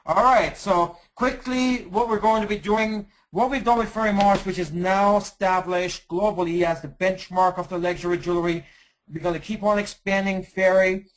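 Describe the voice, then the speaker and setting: A man's voice: sits high, steady tone, normal speed, rough recording. A man, a company executive, giving an enthusiastic sales presentation in a webinar, boastful and emphatic, often restarting his sentences.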